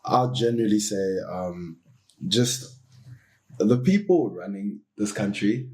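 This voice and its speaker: Deep-voiced young man, measured. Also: mellow. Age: 20s. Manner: measured, careful, with pauses. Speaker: student panelist. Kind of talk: casual panel discussion.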